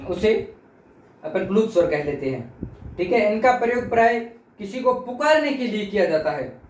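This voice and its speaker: Man, teacher, high voice, patient repeated explanations, stretched vowel demos, roomy echo, set back from the mic. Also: a little mellow. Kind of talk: classroom lesson. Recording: echoey room, mic at a distance, faint noise.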